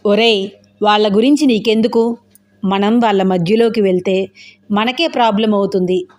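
A woman's voice: medium pitch, fairly even intonation, moderate pace, a little mellow, natural voice. Woman doing an offhand, easygoing male friend. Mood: casual. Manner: offhand, chatty. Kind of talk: audio novel dialogue.

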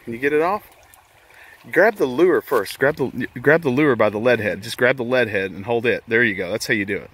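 A man's voice: medium pitch, breathy edge. A middle-aged man, chatting and coaching casually while fishing outdoors, filmed on a handheld phone. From Texas. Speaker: fishing vlogger. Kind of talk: casual outdoor vlog narration. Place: outdoors by a rocky creek. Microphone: handheld phone camera. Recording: phone audio with loud creek noise. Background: rushing creek water.

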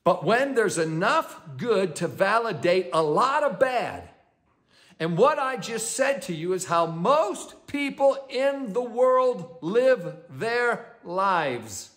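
Male preacher, higher-pitched voice, emphatic sermon delivery with scripture readings. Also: sing-song, slow, a bit bright. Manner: emphatic, repetitive contrasts, reads scripture aloud. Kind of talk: sermon teaching.

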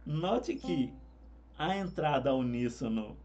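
A man, a singing teacher explaining harmony parts in a relaxed, conversational way. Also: medium pitch, slow pace, muffled recording, over loud music. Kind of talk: explaining vocal harmony with sung examples.

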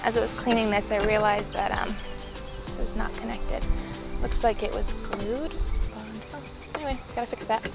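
A woman talks through a furniture project in a relaxed, chatty how-to manner, breaking off now and then for ums and little asides. Her voice sits a touch on the high side. Music plays clearly under her voice. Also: moderate pace, rough recording. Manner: chatty, explains steps with some ums and asides. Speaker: furniture flipping vlogger. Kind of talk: casual how-to explanation. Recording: background music. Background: background music.

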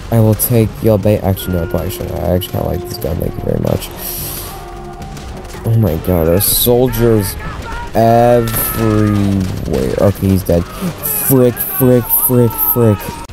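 Joking young-sounding male gamer, lively pitch. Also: creaky. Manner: joking, rambling, yells repeated taunts at enemies. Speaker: gamer playing a war shooter. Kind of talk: let's play commentary. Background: game soundtrack and gunfire.

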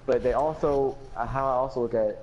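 A young man chatting casually on a gaming podcast, his voice mellow and dark in tone. He rambles, restarting sentences and filling gaps with "uh" and "like". A faint hiss of noise sits under the recording. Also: mid-range voice, steady tone, fast, highs cut off. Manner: rambling, many fillers and restarts. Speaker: podcast co-host.

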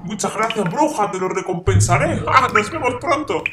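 A woman's voice: mid-range voice, lively intonation, normal speed, natural voice. Woman doing a greedy big bad wolf, echoey. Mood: gloating. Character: greedy, hungry big bad male wolf, gloating trickster. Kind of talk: puppet children's storytelling. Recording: roomy echo, music behind.

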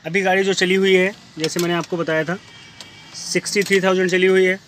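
A man gives a brisk, repetitive sales pitch while walking around cars on an outdoor lot, filming on a handheld phone. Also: flat delivery, fairly bright tone, faint music behind. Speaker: used car dealer. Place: outdoor used car lot. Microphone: handheld phone camera. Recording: faint outdoor street noise.

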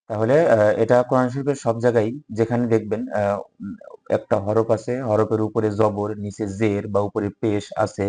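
A man teaching a Quran recitation lesson, patiently repeating each word slowly so that learners can follow along. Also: fairly low pitch, darkish tone. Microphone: microphone.

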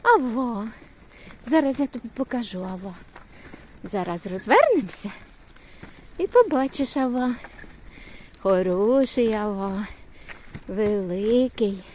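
A woman's voice: on the high side, sing-song, takes it slowly, long pauses, a little mellow, a little hiss or hum. An older woman from Ukraine chatting casually in cooing baby talk to a toddler while walking outdoors in a yard. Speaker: grandmother vlogger. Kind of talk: casual chat while babysitting.

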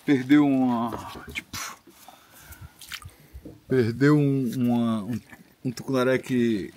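A man with a Brazilian Portuguese accent bantering excitedly with friends while fishing, exclaiming in slangy bursts, outdoors on a river boat. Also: mid-range voice, slow. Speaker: fishing companion. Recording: outdoor recording with steady background noise.

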